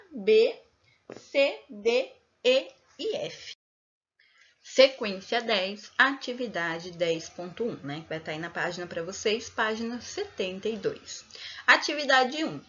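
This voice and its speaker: A woman's voice: a little high, bright, forceful tone, lo-fi sound. A woman teacher with a Brazilian Portuguese accent, explaining a lesson to primary pupils patiently, stretching out stressed syllables and often adding tag questions. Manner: patient, drawn-out stressed syllables, frequent "né?" tags. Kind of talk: recorded remote class explanation.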